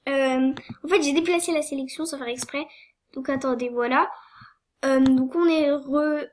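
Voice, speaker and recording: At a moderate pace and with a steady tone, a high-voiced young woman makes a screen-recorded game tutorial while sniffly with a cold. Her delivery is hesitant, packed with fillers and repeated apologies.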